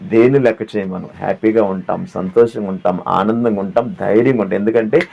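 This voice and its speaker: A man's voice: on the low side, fairly even intonation, a little fast, vocal fry, slight background noise. A man pastor preaching a sermon who asks the listeners questions, repeats his phrases and sings hymn lines. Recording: dull lo-fi audio with faint background.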